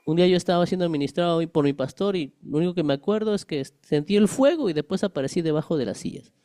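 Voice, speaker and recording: A man's voice: on the high side, expressive, fast talker, warm tone, dry recording, clean studio sound. A middle-aged male pastor giving a conversational Bible-study sermon, explaining verses with everyday examples and asking the congregation rhetorical questions.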